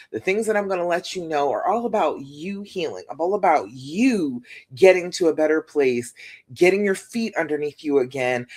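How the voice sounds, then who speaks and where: A relationship coach with a deep voice talks casually to viewers on a phone livestream. She is warm, chatty and reassuring, often checking in with tag questions like "okay?"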